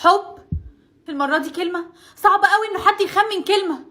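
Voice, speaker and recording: A woman with an Egyptian accent voicing the lead girl of a cartoon story, excitable and dramatic. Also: very high voice. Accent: Egyptian Arabic. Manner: excitable, dramatic, quick to exclaim. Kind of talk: cartoon voice acting.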